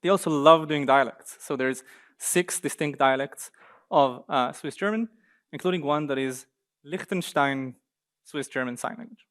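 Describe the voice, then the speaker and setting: Man, from Israel, young adult, seminar presenter, slightly high voice, lively, light humor, mic in a seminar room. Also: normal speed. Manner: lively, joking aside to the audience. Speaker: guest speaker. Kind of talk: conference talk with slides.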